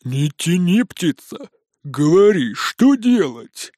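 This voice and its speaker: A man voicing a greedy, rude young gang member in an audiobook, talking in a gruff, grumbling way. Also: high voice, expressive, moderate pace, a little mellow, dry recording, studio quality. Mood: grumpy.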